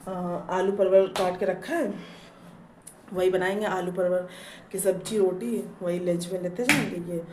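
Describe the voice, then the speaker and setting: A woman's voice: lowish voice, steady tone, unhurried, noisy background. Chatty woman vlogging at home. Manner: chatty, rambling, many fillers. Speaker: family vlogger. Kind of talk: casual home vlog chat. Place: home, indoors.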